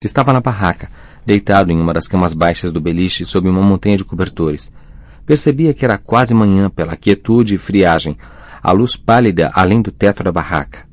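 A man narrating a fantasy audiobook in a measured, dramatic reading voice on a close mic. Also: sits low, expressive, a little mellow, no echo.

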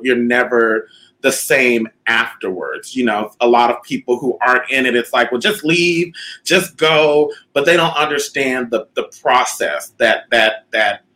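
A man's voice: mid-range voice, bright, forceful tone, rough recording. Reflective man hosting a talk. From Canada. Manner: reflective, with fillers and restarts. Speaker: host. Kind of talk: casual chat.

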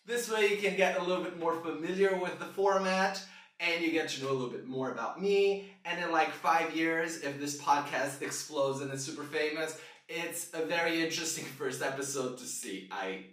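A man's voice: fairly high pitch, normal speed, a bit bright. A man in his thirties from Brazil, hosting a casual podcast monologue in a loose, rambling, self-mocking way. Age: 30s. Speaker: podcast host. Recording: echoey room, distant mic, music behind.

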